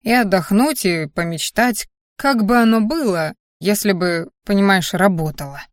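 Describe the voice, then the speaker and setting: A woman voicing an elderly father-in-law who talks slowly and quietly, sheepish and grumbling, in an audiobook. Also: mid-range voice, no echo, clean studio sound, close to an everyday voice.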